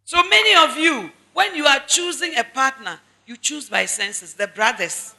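Ghanaian lady pastor preaching, really high voice, repeats herself for emphasis. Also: lively intonation, moderate pace, gravelly, pushed and bright, breathy edge, big-room sound. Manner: emphatic preaching with repetition and asides to the congregation. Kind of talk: sermon.

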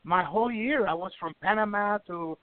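A man's voice: high voice, moderate pace, dry recording. A middle-aged man from Ecuador telling wrestling stories in a casual radio interview, rambling with many restarts. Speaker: wrestling promoter and guest. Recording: tinny phone line.

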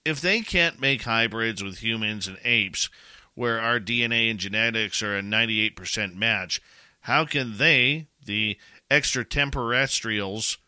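A man's voice: fairly low pitch, a little slow, sharp tone, clear, resonant tone, no echo. A man hosting a podcast, reading out listener questions in a joking, teasing manner. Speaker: podcast host.

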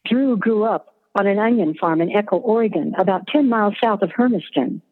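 A woman narrating a scripted story in an even, descriptive way, over a tinny line with long reverb. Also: medium pitch, a little fast, breathy edge.

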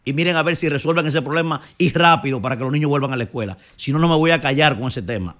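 A man's voice: on the high side, fast, fairly bright tone. A man with a Dominican Spanish accent, delivering indignant, scolding opinion commentary on a morning radio show.

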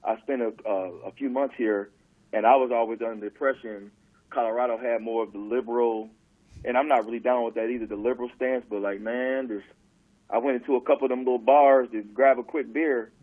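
A man's voice: medium pitch, steady tone. Man calling in over the phone. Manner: casual, drawn-out, peppers talk with "man". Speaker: caller, comedian. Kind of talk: casual chat. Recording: tinny phone line.

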